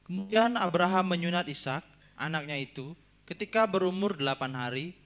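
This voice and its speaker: A man reading scripture aloud in a steady, plain way during a church service. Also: high voice, fairly quick. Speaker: scripture reader.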